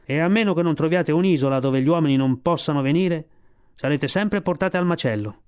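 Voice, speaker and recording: A man voicing a calm, wise old male sea lion in a storybook, giving unhurried advice. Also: fairly high pitch, clean tone, natural voice.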